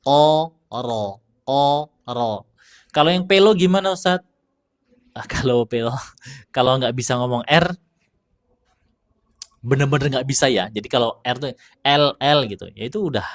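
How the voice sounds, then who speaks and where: A man gives a live online recitation lesson, answering viewer questions in a relaxed, chatty tone. He slows down to sound out single letters again and again for his listeners to copy. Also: medium pitch. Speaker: Quran recitation teacher.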